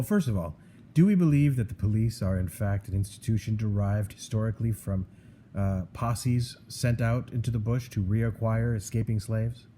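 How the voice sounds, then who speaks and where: Low, dark-voiced man arguing opinions. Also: slight background noise. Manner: sarcastic, argumentative, frequent restarts. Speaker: podcast co-host. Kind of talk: opinionated casual chat.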